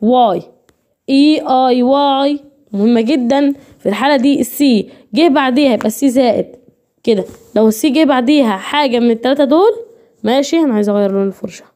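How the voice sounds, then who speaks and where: Fast-talking Egyptian woman teacher. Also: high-pitched, dark tone. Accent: Egyptian Arabic. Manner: repetitive, drilling explanations, addresses students directly. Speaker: English teacher for nursing students. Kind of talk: online lecture.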